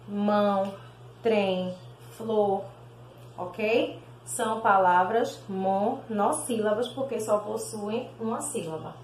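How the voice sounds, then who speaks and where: A Brazilian woman gives a recorded primary school lesson, drawing out each word syllable by syllable at a very slow pace. Her voice sits a little high, and it rings in an echoey room. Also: slight background noise. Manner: slow, sounds out words syllable by syllable, calls pupils "meus amores". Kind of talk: recorded video class.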